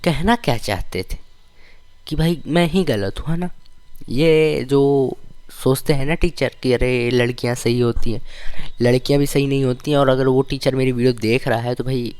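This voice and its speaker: A young man tells stories from his school years in a casual, slangy vlog manner. He sounds animated and aggrieved, and he. His mid-pitched voice sits in a dry, close-sounding room. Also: normal speed, smooth, no echo. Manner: animated, slangy, complaining storytelling. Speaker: vlogger. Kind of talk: casual storytelling about school days.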